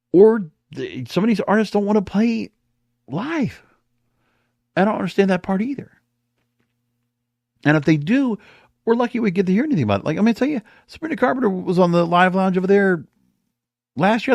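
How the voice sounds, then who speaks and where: This American podcast host has a high, slightly mellow voice, captured in a dry, clean studio recording. Alone on the mic, he rambles through opinionated commentary, sounding exasperated and firing off rhetorical questions.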